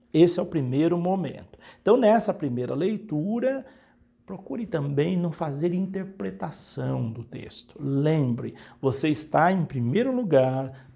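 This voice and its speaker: Gravelly-voiced priest giving calm instruction. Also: male voice, a little high. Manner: calm, didactic, addresses the listener directly with step-by-step advice. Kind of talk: spoken instruction.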